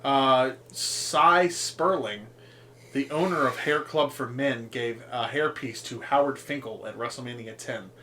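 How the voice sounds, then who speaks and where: A man's voice: medium pitch, measured pace, bright, forceful tone, a little hiss or hum. A man co-hosting a casual podcast, rambling through a list with frequent ums, swearing and laughing at his own jokes. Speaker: podcast co-host.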